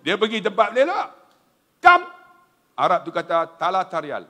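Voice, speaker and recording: At a measured pace, a middle-aged man with a Malaysian accent delivers a lively, joking religious talk in a high, expressive voice, frequently addressing the audience directly. A long reverb trails after each phrase as his voice fills the large hall.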